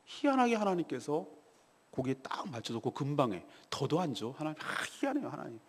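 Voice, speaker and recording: A man preaching a morning devotional sermon in a church, telling a personal story in a confessional way, dropping to a hush and then rising loud. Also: a little high, big pitch swings, fairly quick, breathy edge. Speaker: pastor. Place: church sanctuary. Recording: long reverb of a church hall.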